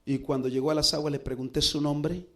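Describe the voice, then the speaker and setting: A middle-aged pastor preaching, telling a personal story earnestly with dramatic pauses. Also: male voice, a little high, flat delivery. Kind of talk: sermon storytelling.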